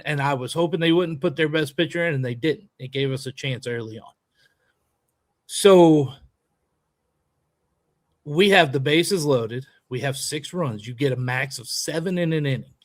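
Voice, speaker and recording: A man co-hosting a podcast, telling a story in a lively, emphatic way and acting out a heated argument. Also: mid-range voice, no room sound. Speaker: podcast co-host and youth baseball coach. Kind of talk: animated storytelling in casual chat.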